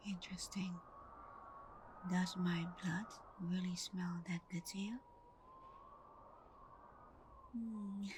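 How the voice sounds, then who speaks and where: A woman voices a loving vampire girlfriend for an intimate ASMR roleplay, her lowish voice soft, breathy, and frequently whispered. She sounds gentle, reassuring, tender, and intrigued, with a slight hiss or hum present.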